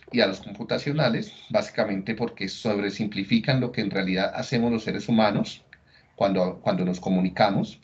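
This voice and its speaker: A man giving a lecture on slides, talking conversationally and often checking in with tag questions. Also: on the low side. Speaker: neuroscience lecturer. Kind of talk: recorded lecture explaining slides. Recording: dull lo-fi recording.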